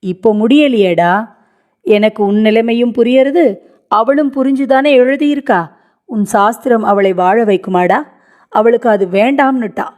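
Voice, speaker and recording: A grieving old grandmother, widowed as a girl and stubborn, pleads and laments through tears in a pitch lifted above a reader's normal voice, as a woman storyteller puts her on. The tone stays mellow and soft even at its rawest. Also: a little slow, lightly acted. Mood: pleading.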